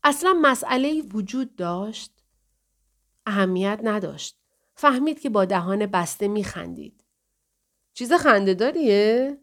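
A woman reading a novel aloud in scripted narration, measured and even. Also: medium pitch. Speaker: audiobook narrator.

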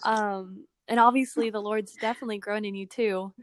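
A woman's voice: medium pitch, fairly even intonation, normal speed. A woman co-hosting a podcast interview, reacting upbeat with short remarks and asking questions. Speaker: podcast co-host. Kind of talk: casual interview.

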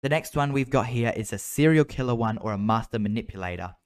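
A man's voice: medium pitch, expressive, quick pace, smooth. An Australian man hosting a podcast, talking in a casual, chatty and informal way. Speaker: podcast host. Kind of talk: casual solo podcast chat about a TV soap.

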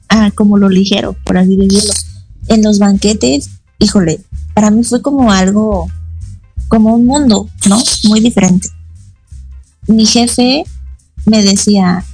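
A husky-voiced woman chats on a radio interview as a guest chef. She tells her stories casually, slipping into the voices of the people she quotes, and her voice sounds dry and close. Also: mid-range voice, darkish tone, dry recording, low-quality recording. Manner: chatty storytelling, acting out quoted voices.

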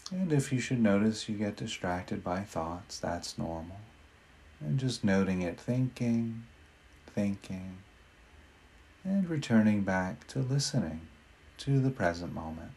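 A man guides a meditation gently and slowly, leaving long pauses between phrases. His voice sits on the low side yet sounds animated.

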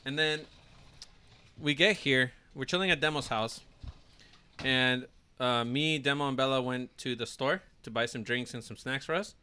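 Man, casual podcast guest, animated storyteller, faint hiss and clicks under the voice. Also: medium pitch, moderate pace. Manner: excited storytelling, quotes himself, laughs often. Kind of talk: casual chat among friends.

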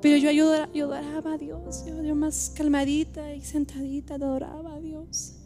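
A woman gives an emotional church testimony, heartfelt and halting, repeating her phrases. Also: high voice, level tone, music in the background. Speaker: church member giving testimony.

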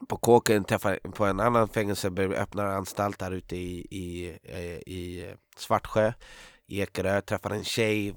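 A man's voice: sits low, no room sound, clean studio sound. A man talking as a guest, telling a long story in a rambling way with many fillers and restarts. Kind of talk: casual storytelling in a podcast conversation. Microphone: close studio mic.

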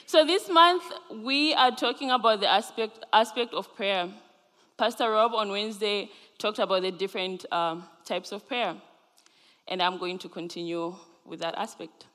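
A young Zambian woman, a senior student, delivers an earnest chapel sermon punctuated by light laughs. Her voice is medium-pitched and a bit bright at a normal pace, recorded live in a large chapel hall with long reverb.

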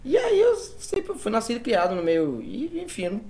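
A man's voice: extremely high pitch, huge pitch swings, normal speed, darkish tone. A man with a Bahian Brazilian accent, a musician guest telling personal stories casually with informal slang. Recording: faint background noise.

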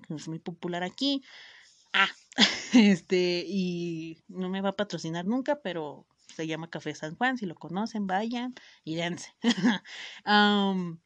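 A woman's voice: medium pitch, dry recording. A young Mexican woman chats straight to her viewers, spilling a personal story in loose, slangy speech peppered with swearing and fillers. She keeps cutting herself off and starting over. The sound is dry and close, with no room around her voice. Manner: frequent self-interrupting restarts. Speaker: vlogger.

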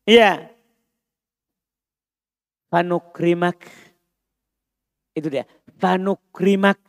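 A man's voice: high-pitched, steady tone, very slow, gravelly, dry recording. A man leads a mosque grammar lesson. He repeats each term, translates it and checks on his students. The sound is close and dry. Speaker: Islamic religious teacher. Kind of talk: classroom lesson on Arabic grammar. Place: mosque study class.

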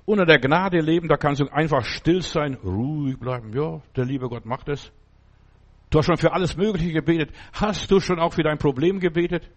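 A man's voice: fairly high pitch, moderate pace. A middle-aged man preaching a sermon in a folksy, rambling way, often asking his listeners whether they understand.

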